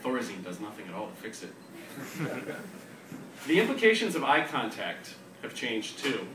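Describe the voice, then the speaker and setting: Fairly low in pitch but swooping wildly, this man's voice moves at a moderate pace as he co-hosts a reading series and reads his poetry to a live audience. His manner is wry and self-deprecating. The recording comes from an echoey room with a distant mic and a noisy audience.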